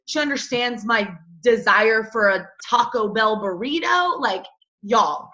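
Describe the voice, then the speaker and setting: A woman's voice: fairly high pitch, expressive, a little slow, bright, forceful tone, muffled recording, slight background noise. A woman coaching her team on a casual video call, chatty and full of "like" and little asides to the group.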